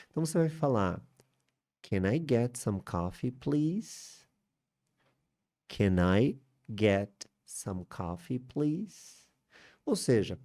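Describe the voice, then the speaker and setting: A Brazilian man with a Brazilian Portuguese accent, teaching English in a video lesson, with lively rising intonation and frequent tag questions. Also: fairly low pitch.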